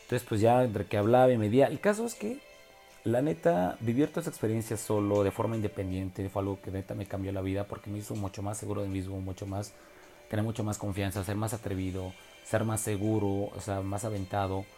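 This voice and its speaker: A young man from Oaxaca speaks with a Mexican Spanish accent, his voice low and mellow. He tells his story in a loose, slangy way, full of fillers and tag questions. Soft music plays quietly behind him. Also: steady tone, fast talker. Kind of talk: casual personal storytelling.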